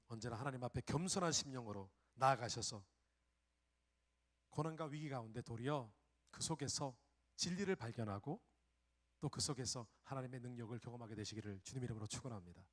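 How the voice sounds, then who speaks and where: A middle-aged pastor preaching a sermon who swings between hushed reflection and loud, pleading cries and acts out his own prayers. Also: mid-range voice.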